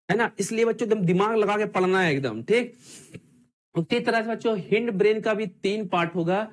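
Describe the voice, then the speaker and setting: A man teaching an online exam-prep class, asking his students the same questions again and again in call-and-response drills. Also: sits high.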